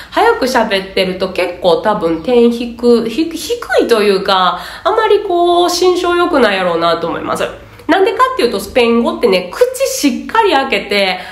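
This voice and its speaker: A woman's voice: fairly high pitch, roomy sound. A woman with a Kansai Japanese accent, a Spanish teacher giving a chatty, emphatic lesson, laughing often. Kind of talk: casual teaching talk.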